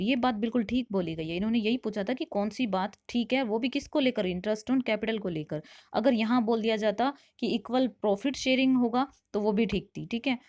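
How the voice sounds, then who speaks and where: A woman at a middle pitch teaches commerce for exam preparation. She reads each English question slowly and carefully, then explains the answer at a quicker clip. Her tone is patient and runs step by step. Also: a little mellow. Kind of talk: exam-prep lesson explaining multiple-choice questions.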